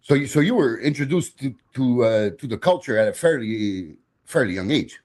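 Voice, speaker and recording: A man's voice: mid-range voice, expressive, moderate pace, darkish tone. Stammering male podcast host. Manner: stammering repeats, laughs along. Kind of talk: casual interview.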